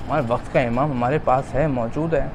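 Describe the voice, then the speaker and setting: A man from Pakistan giving a Muharram majlis sermon, retelling dialogue and rising into a loud, drawn-out lament. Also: mid-range voice, steady tone, background noise. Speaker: preacher.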